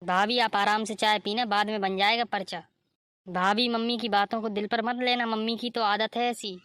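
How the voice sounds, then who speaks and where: A woman's voice: mid-range voice, steady tone, normal speed, fairly bright tone, dry recording, clean studio sound, lightly acted. A woman voicing a kind, supportive young sister-in-law in a cartoon story. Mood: reassuring. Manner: reassuring, kind.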